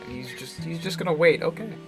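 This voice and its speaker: A man livestreams jokey, rambling commentary on a visual novel, thinking out loud in a slightly high, fast voice. Game music plays behind him.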